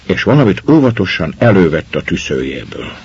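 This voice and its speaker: Low raspy guy narrating a story, pitch moves a lot, muffled lo-fi recording. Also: animated, a little mellow, slight background noise.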